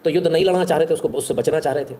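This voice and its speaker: Casual host, man, quick and rhetorical, mellow voice, faint background noise. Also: on the high side. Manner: rhetorical, keeps asking "है ना?". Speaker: online history talk host. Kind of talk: casual talk to viewers.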